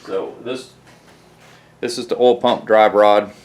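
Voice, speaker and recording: A man hosts a car rebuild video in a casual garage vlog, speaking in a lowish, darkish voice at a slow, steady pace. He rambles and corrects himself while digging through boxes, and he sounds stuffed up from a head cold.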